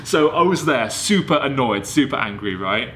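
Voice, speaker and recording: A man telling a story in casual vlog style, animated and laughing often. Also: mid-range voice, moderate pace, a little hiss or hum. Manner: animated, laughs often, keeps asking "right?". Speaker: vlog co-host.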